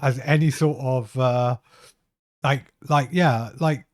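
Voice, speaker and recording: A man's voice: medium pitch, slow pace, no echo. Rambling young man, dry close sound. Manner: rambling, many fillers, reads from notes. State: coughing fit, strained throat. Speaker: podcast co-host. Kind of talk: casual chat.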